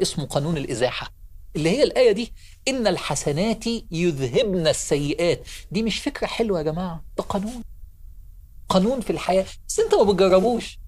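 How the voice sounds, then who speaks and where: A man's voice: sits high, a little mellow. A man with an Egyptian accent giving a televised sermon. He tells stories with emphasis, repeats his key phrases and calls out to his listeners directly. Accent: Egyptian Arabic. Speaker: preacher.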